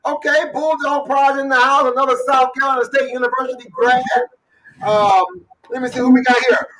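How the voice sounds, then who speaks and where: High, bright-voiced energetic male host. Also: a little fast, distant mic, a little hiss or hum, low-quality recording. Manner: energetic, hypes up viewers, calls out names. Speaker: talk show host. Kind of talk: lively livestream hosting.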